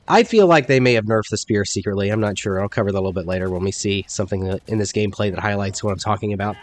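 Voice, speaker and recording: Congested man commenting on gameplay. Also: on the low side. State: congested from a cold.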